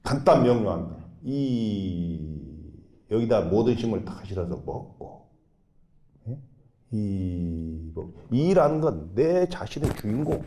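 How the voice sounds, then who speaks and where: A man who is a Buddhist monk, preaching a dharma talk and guiding meditation, emphatic, with sudden rises and soft, drawn-out instructions. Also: medium pitch, very animated. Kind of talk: sermon with guided meditation. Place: temple dharma hall.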